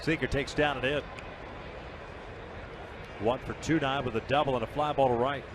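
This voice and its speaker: A man's voice: medium pitch, fairly even intonation, normal speed. A man giving live play-by-play commentary on a televised baseball game. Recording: broadcast booth over clear stadium noise.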